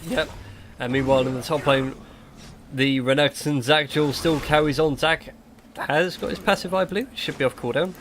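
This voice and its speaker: Male caster, upbeat play-by-play, slightly high voice, light background hiss. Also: steady tone, fairly bright tone. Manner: chatty, quick play-by-play with jokes. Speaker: game caster. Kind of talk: esports play-by-play commentary.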